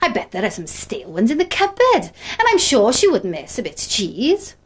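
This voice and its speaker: A woman's voice: on the high side, wildly swooping pitch, normal speed, over music. A woman voicing a sociable, bossy wooden spoon in a children's storybook. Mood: bossy, keen. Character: bored but sociable wooden spoon, bossy party planner.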